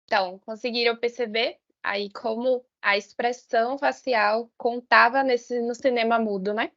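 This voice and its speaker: A high, bright-voiced woman with a Brazilian Portuguese accent lectures a live online sign language class. She explains step by step, often checking in with a questioning tag and correcting herself mid-phrase. Her voice comes through dull, lo-fi video call audio. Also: steady tone, a little slow. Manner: explanatory, frequent "né?" tags and self-corrections.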